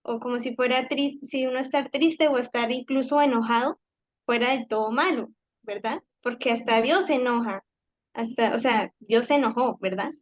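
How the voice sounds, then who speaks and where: A woman's voice: a little high, normal speed, dry recording, muffled recording. A woman sharing a personal reflection in a faith group class, talking conversationally with hesitant restarts. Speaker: class participant.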